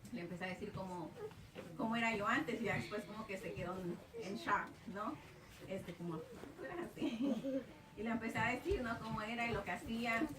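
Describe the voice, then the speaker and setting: A young adult woman, a lay preacher at a service held in a home, sharing her testimony in a candid, storytelling way and recounting her conversations line by line. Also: mid-range voice. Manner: storytelling, retelling conversations with many "le digo"; candid, self-admittedly shy. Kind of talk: informal testimony sermon. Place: house service, roomy living space. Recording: echoey room, voice from far off, noisy.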